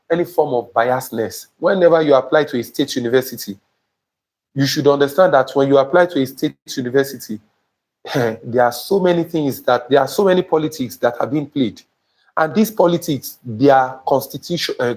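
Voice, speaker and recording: Brief: young Nigerian man, higher-pitched voice, emphatic live tutor, keeps checking on his audience. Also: darkish tone. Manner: emphatic, repeatedly checks in with viewers. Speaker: admissions tutor. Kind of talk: live-streamed teaching talk. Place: indoor studio before a printed banner. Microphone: small lapel mic.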